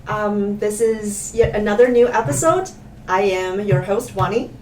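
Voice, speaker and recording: A woman's voice: medium pitch, unhurried, a little mellow, distant mic. A woman hosting an interview, greeting guests and asking questions, with brief encouraging backchannels. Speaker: host. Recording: roomy, off-mic with faint noise.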